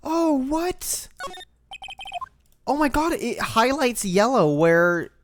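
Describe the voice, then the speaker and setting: A woman's voice: on the high side, very animated, slow pace, background noise. A woman in casual gameplay chat, reading out and voicing the characters as she plays.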